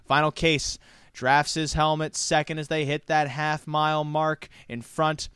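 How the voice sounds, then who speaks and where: Male race caller, higher-pitched, smooth resonant voice, flowing horse race commentary, close dry sound. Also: level tone, a little slow, a bit bright, no echo. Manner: race caller's flowing, building delivery during the race. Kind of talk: race caller commentary during races, casual handicapping talk otherwise.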